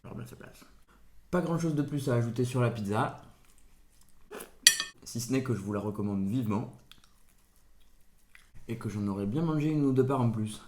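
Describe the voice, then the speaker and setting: A man's voice: medium pitch, animated, moderate pace, pauses often, mellow, slight background noise. Man giving playful tasting commentary, roomy. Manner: playful, punning, mock-solemn. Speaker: food reviewer. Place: home, at the table. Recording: roomy echo.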